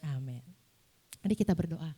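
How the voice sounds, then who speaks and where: A young woman giving a casual, lively sermon in a church, often asking the congregation questions. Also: low-pitched, moderate pace, slightly rough. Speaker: preacher.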